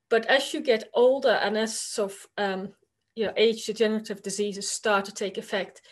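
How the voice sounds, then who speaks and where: A Dutch woman, speaking English with a Dutch accent, presents at an academic conference via video call. Her delivery is conversational and hesitant, full of fillers, in a mid-range voice.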